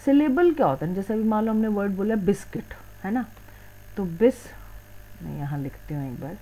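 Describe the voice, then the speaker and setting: A woman's voice: medium pitch, lively intonation, normal speed, dark tone, slight background noise, poor audio. A woman teaching an English exam lesson, switching between Hindi and English and posing questions she then answers herself. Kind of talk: explaining a lesson.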